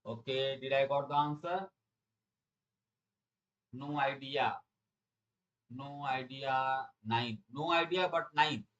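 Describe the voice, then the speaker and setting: A man's voice: mid-range voice, fairly even intonation, slow, long pauses, a bit bright, dull audio. A middle-aged man with an Indian accent teaching a live programming lesson, repeating phrases for emphasis and questioning his students. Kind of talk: live online lesson, explaining quiz questions.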